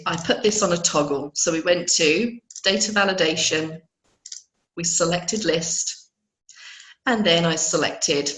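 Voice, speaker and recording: A woman with a croaky voice, unwell, running a live spreadsheet webinar and explaining formulas step by step. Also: on the low side, fairly bright tone, reverberant, rough recording. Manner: explains step by step, reads out attendee questions. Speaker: Excel trainer.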